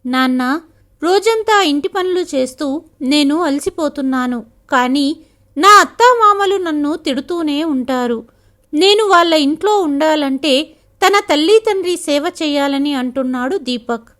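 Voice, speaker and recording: A woman's voice: sits high, expressive, normal speed, a bit bright. A woman reading as a hurt young wife. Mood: tearful. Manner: tearful, pleading.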